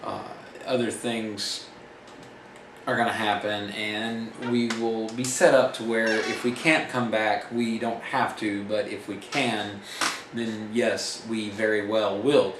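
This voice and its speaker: Low-voiced man rambling in an echoey room. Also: fairly even intonation, slow pace. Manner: rambling, self-correcting, plain-spoken. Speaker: independent filmmaker. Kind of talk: casual vlog update. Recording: echoey room mic from a distance with noise.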